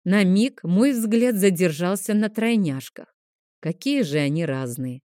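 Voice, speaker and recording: A woman narrating a first-person audiobook in a gentle, expressive storytelling manner. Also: fairly low pitch, unhurried, no room sound, clean studio sound.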